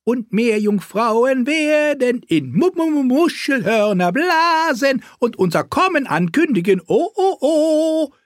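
A man voicing a giddy, half-mad male jester who speaks slowly in a stuttering singsong. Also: very high-pitched, big pitch swings, no room sound, clean studio sound, voice pushed up, exaggerated voice. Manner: singsong, stuttering, slow and drawn out.

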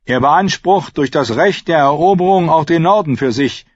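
Ein Mann liest einen arroganten jungen Lord, spöttisch und befehlend, in einer Hörbuchlesung. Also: male voice, on the high side, animated, normal speed, dry recording, muffled recording, pitched above the performer's own voice. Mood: scornful, commanding. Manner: mocking, commanding. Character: arrogant young male usurper lord. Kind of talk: audiobook reading.

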